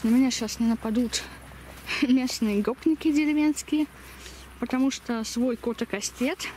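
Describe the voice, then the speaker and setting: A young woman vlogger walks along a village street, chatting casually into a handheld camera held at arm's length. She has a slushy lisp that turns s into sh, and her voice is warm and on the high side. The outdoor camera recording is noisy.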